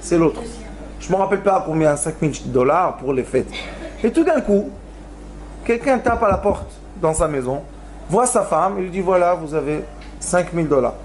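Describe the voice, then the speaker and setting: A man's voice: fairly high pitch, animated, moderate pace, a little mellow, slight background noise. A man giving a Torah lesson as a rabbi, telling stories and acting out pleading cries, with Hebrew words mixed into his talk. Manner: storytelling, acts out pleas with rising cries. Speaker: rabbi teaching a Torah class. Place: lecture hall.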